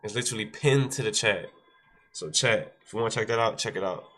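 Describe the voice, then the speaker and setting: A fast-talking man with a sharp tone and a low-ish voice hosts a day-trading livestream while sounding congested. He speaks directly to chat, repeating himself and urging them on, and includes a brief devotional in the casual stream.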